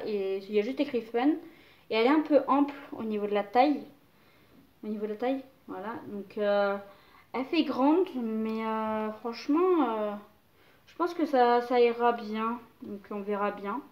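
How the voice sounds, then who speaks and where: A woman's voice: fairly high pitch, lo-fi sound. A young woman casually chatting about clothes to camera, hesitant and full of fillers. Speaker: mother showing baby clothes haul.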